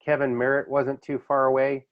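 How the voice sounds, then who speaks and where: Middle-aged man of average pitch hosting a relaxed podcast chat. He tells stories with lively energy, slipping into voices and laughing as he goes. The audio is somewhat dull and lo-fi. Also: moderate pace. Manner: animated storyteller who drops into voices and laughs easily. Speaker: podcast host. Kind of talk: casual reminiscing chat.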